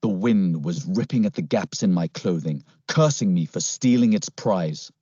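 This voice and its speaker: Expressive low male storybook narrator. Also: normal speed, breathy edge, no room sound. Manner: expressive, dramatic reading. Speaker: audiobook narrator. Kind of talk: first-person storybook narration. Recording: slightly muffled, dry.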